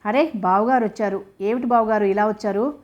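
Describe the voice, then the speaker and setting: A woman's voice: medium pitch, a little fast, darkish tone, highs cut off, close to an everyday voice. A woman voicing a mischievous younger brother who plays pranks on his sister, in a storybook reading. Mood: cheeky.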